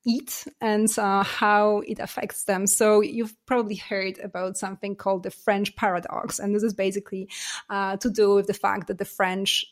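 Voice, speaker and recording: A woman's voice: mid-range voice, level tone, moderate pace. A middle-aged woman from Poland, a science journalist, answering interview questions in a thoughtful, explanatory way with many fillers.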